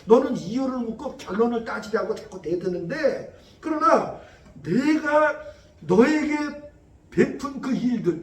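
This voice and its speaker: A male pastor preaching a Sunday sermon, acting out dialogue in a lively way. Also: extremely high pitch, a little hiss or hum. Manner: lively preaching, acting out God's lines to Job. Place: church sanctuary. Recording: echoey hall from far off.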